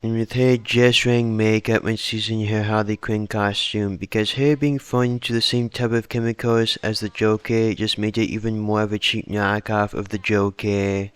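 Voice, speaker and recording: A man casually pitching fan story ideas in long, rambling run-on sentences. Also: level tone, normal speed, few pauses, clean tone, no room sound.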